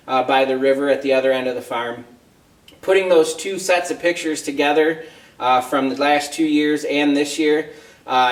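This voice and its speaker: A man's voice: mid-range voice, reverberant, distant mic, rough recording. A middle-aged American man talking casually to camera as a hunting vlog host, conversational and matter-of-fact.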